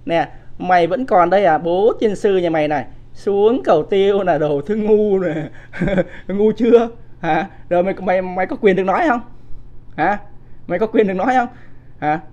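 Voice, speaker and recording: A man's voice: sits high, brisk, darkish tone, highs cut off. Combative man in his fifties. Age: 50s. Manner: combative, scolds viewers in blunt coarse language; rhetorical, keeps asking the audience "right?". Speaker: livestream political commentator. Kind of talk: off-the-cuff livestream commentary.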